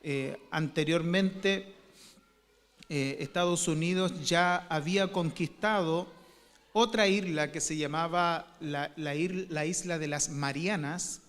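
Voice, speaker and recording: A man preaches from the pulpit, unhurried and a little high-pitched, stopping often on fillers and starting sentences over. His voice rings with the long reverb of a church hall. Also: fairly bright tone. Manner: storytelling with many fillers and restarts. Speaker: pastor. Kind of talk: sermon.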